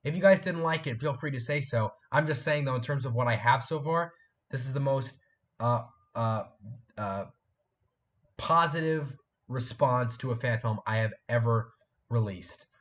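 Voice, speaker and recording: Hoarse and stuffed up with a cold, an eighteen-year-old man runs a casual live stream from a room at home, chatting with viewers and wandering and repeating himself. He also makes fan films, and he talks at normal speed in a mid-range voice.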